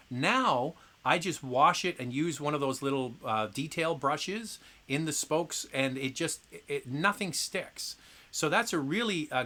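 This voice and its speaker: A middle-aged man talks casually on a live car Q&A stream. His voice is bright and forceful. He rambles with plenty of fillers and restarts. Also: medium pitch. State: occasional coughing from acid reflux.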